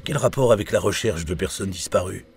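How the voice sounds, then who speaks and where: Calm questioning male police inspector, read by a man, deep husky voice, polite and measured. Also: exaggerated voice. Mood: probing. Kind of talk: audiobook character reading.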